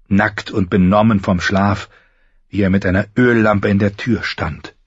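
A man's voice: lowish voice, breathy edge, no echo, highs cut off. A man narrating a fantasy audiobook with tense, vivid storytelling. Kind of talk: dramatic fantasy audiobook reading.

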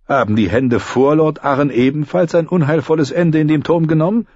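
A man reading an audiobook, voicing a scheming courtier in a soft, insinuating way. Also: fairly high pitch, fairly quick, dry recording, highs cut off, pitched above the performer's own voice, lightly acted. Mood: sly.

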